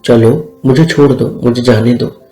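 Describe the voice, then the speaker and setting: A man's voice: mid-range voice, steady tone, a little slow, mellow, lightly acted. A man reading an easygoing young boyfriend. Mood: casual. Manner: soothing, casual. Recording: echoey room with faint music.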